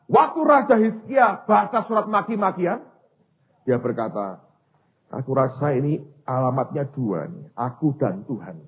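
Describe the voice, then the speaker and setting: A male pastor preaching with a husky, somewhat high voice, his pitch jumping around as he tells stories. The sound is thin and tinny, like a phone line. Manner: storytelling, acting out dialogue, addressing congregation. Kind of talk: sermon.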